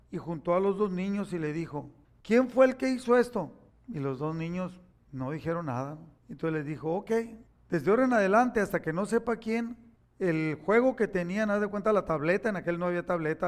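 A middle-aged man, preaching a sermon as a pastor, telling stories and acting out the voices in them before rising to emphatic appeals. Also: high-pitched. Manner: storytelling preacher, acts out quoted voices, rising to emphatic exhortation.

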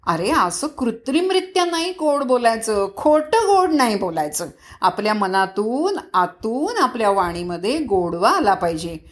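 A woman telling a moral story to children, speaking lively and asking them questions that she answers herself. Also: fairly high pitch. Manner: sings devotional verse slowly.

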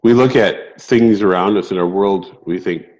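Male, middle-aged, raspy sandpaper voice, lowish pitch, casual podcast chat, co-host. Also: normal speed, darkish tone, lo-fi sound. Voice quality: gravelly sandpaper rasp.

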